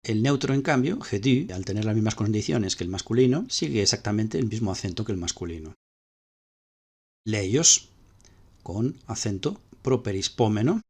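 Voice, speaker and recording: A man's voice: on the low side, lively intonation, moderate pace, darkish tone, husky. A man with a Spanish accent teaching ancient Greek grammar step by step, repeating key points as he explains slides.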